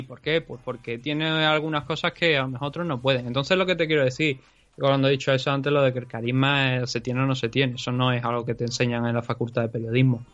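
A man's voice: medium pitch, fairly bright tone, muffled recording. A man with an Andalusian accent, co-hosting a casual podcast chat and ranting in a heated, profane way. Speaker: podcast co-host.

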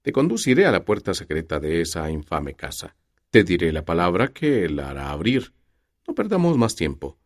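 A man's voice: sits low, wildly swooping pitch, normal speed, dry recording, clean studio sound, full character voice. A man voicing a young blind woman in an audiobook, speaking urgently and pleadingly. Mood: resolute.

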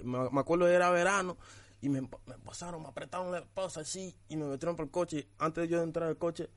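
A man's voice: a little high, steady tone, fast talker, dry recording. A young man, a rapper guest in a casual interview, talking bluntly and toughly with repeated tag questions.

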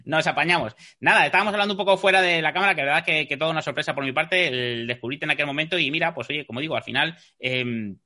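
A man's voice: on the high side, quick pace, hardly any pauses, pushed and bright. A man hosting a casual interview in a chatty, friendly way. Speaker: host.

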